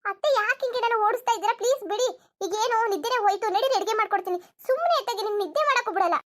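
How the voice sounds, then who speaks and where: A woman's voice: very high-pitched, very fast. A woman voicing a lazy, sleep-loving young daughter-in-law in a cartoon comedy, cheeky and argumentative. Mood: placating. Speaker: narrator addressing viewers.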